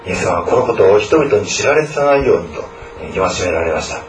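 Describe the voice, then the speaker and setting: A man preaching a sermon and leading a closing prayer, earnest and often adding a soft tag word to his phrases. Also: low-pitched, expressive, brisk, slight background noise. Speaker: pastor. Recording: roomy echo, mic at a distance, faint background ambience.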